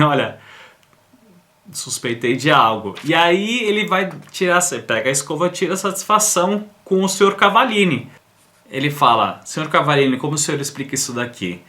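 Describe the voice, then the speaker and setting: Bright-voiced Brazilian man retelling a cartoon. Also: medium pitch. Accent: Brazilian Portuguese. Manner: relaxed storytelling, quoting characters in a plain voice. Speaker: cartoon review host. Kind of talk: casual retelling of a cartoon episode.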